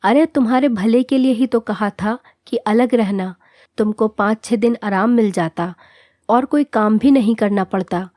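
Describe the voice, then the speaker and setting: A woman's voice: a little high, a little slow, a little mellow, no room sound, clean studio sound, close to an everyday voice. A woman voicing a stern, traditional middle-aged mother-in-law who scolds and commands, in storybook narration. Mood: indignant.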